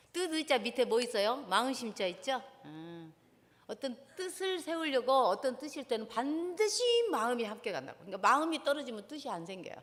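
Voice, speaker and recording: A high, very lively woman's voice, rising and falling sharply as she lectures with passion in a church hall. She keeps turning to her audience with questions. A long reverb trails after each phrase. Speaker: seminar lecturer, professor.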